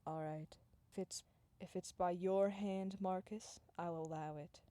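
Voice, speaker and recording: A woman's voice: fairly low pitch, fairly even intonation, unhurried, dark tone, no room sound, lightly acted. A woman voicing a laid-back, loving young man who speaks casually and tenderly.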